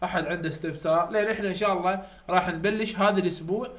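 High bright-voiced Iraqi male tutor. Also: steady tone, rapid-fire. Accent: Iraqi Arabic. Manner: repetitive, chatty teaching, addresses students directly. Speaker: English phonetics tutor. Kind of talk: live online lecture.

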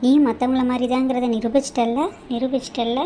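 A tearful young wife, voiced by a woman in a homemade animated cartoon, pleading and reproachful. Her voice sits high and mellow, and a faint hum of background noise sits under it. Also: fast talker, lightly acted.

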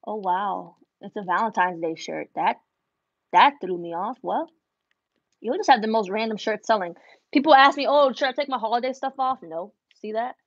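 A young adult woman who runs an embroidery business livestreams casually from her indoor embroidery studio, switching between English and Spanish; Spanish is her first language. Her medium-pitched voice has lively intonation at normal speed, recorded through wireless earbuds with dry, dull audio.

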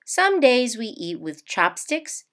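Reading a children's picture book aloud, a woman uses a fairly high voice and an expressive, deliberate way of telling the story.

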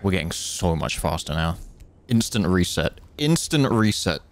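A man's voice: deep voice, very animated, moderate pace. A man giving casual live commentary as he plays a game, muttering wry reactions. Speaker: game streamer.

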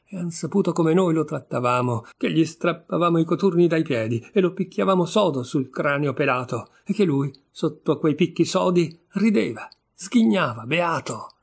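Read by a man with a gravelly, husky voice, a disgraced young man talks with bitter, sardonic irony. Mid-pitched and worn, he mocks himself and everyone around him. Audiobook storytelling. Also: lively intonation, moderate pace, hardly any pauses, exaggerated voice. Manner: ironic, wry, bitter. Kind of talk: audiobook reading of a short story.

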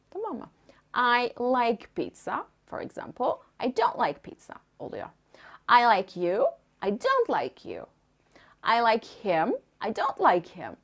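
A young woman leads a language lesson, saying each example slowly and clearly before translating it. Her voice sits fairly high and jumps widely up and down in pitch as she teaches. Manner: slow, clearly spoken example sentences with translations. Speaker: English teacher.

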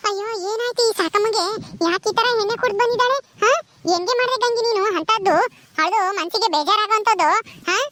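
A woman's voice: extremely high pitch, fairly bright tone, a little hiss or hum. Woman doing a fussing nosy neighbour. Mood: urging. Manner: fussing, exclaiming, quick questions. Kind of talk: village comedy skit.

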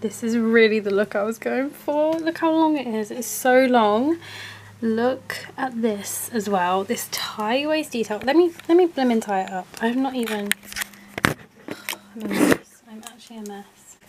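Young woman vlogger from England, higher-pitched, gushing and chatty at home, faint hiss behind. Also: lively intonation, a little mellow. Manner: gushing, chatty, quick to laugh. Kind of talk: casual vlog chat.

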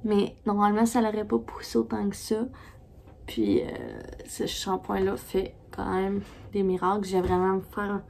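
A woman's voice: medium pitch, level tone, moderate pace, creaky, a little mellow, slight background noise. A woman with a Québécois French accent chatting casually as a beauty vlogger, rambling with many fillers and restarts. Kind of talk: casual product review.

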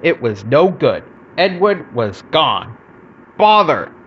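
A man narrating a children's storybook in an expressive, animated way. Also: mid-range voice, normal speed, lo-fi sound.

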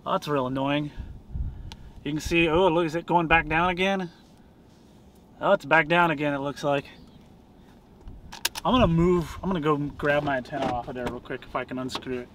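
A man's voice: fairly high pitch, fairly even intonation, normal speed, pauses often. A man giving casual live commentary to viewers as a storm chaser livestreaming. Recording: clear vehicle and ambient noise.

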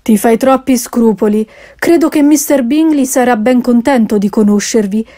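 A dry, ironic middle-aged husband from an audiobook, read by a woman, calm and teasing in his answers. The voice stays fairly high and soft, in a mellow tone. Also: normal speed, natural voice. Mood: wry. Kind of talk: audiobook character reading.

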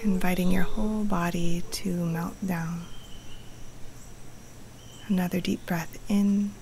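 Soft whispery lady doing guided meditation, super slow and creaky, faint jungle noises behind. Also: fairly low pitch, a little hiss or hum, rough recording. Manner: calm, soothing, with long pauses. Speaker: yoga nidra teacher guiding a meditation. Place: outdoors or open space in the jungle. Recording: live outdoor recording with jungle wildlife sounds. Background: faint jungle birds and insects.

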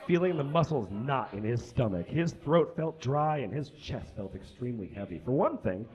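With a mid-range, slightly mellow voice, the young performer reads aloud to a live audience, animated and moderately paced, in a lo-fi recording. His style remains dramatic and comically exaggerated, set on a small indoor stage with brick and curtains.

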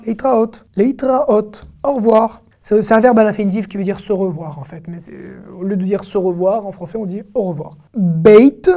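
A woman teaching an online language lesson, saying each word slowly and clearly several times before she explains it. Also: mid-range voice, warm tone. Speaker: Hebrew teacher.

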